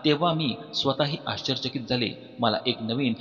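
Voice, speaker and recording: A man narrating a heartfelt family story in a steady, even storytelling voice. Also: mid-range voice, moderate pace. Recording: dull recording with long reverb, soft music behind.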